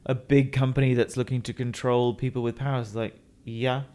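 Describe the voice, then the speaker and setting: A man's voice: medium pitch, level tone, brisk, dark tone, clean tone. A man in his twenties co-hosting a podcast in casual banter, blunt, sarcastic and dismissive. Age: 20s. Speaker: podcast co-host.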